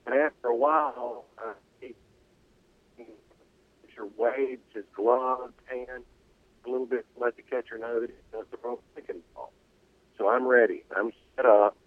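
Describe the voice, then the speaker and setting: Calling in to chat, a man with a mid-range voice and steady tone rambles through a story at moderate speed, pausing often and restarting many times. The cell connection buzzes, glitches, and keeps dropping out, leaving a tinny, dry sound.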